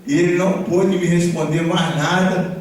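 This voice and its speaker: A man delivers a sermon in a church hall at normal speed with a voice that sits high, speaking conversationally, repeating tag questions, and telling stories through animated retellings while checking in with his listeners. The recording is echoey and distant, with background noise.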